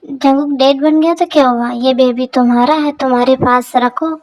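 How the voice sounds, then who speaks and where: A woman's voice: high-pitched, steady tone, normal speed, a little mellow, lightly acted. A woman voicing a jealous, vengeful young rival in a fan dub drama, sneering and threatening.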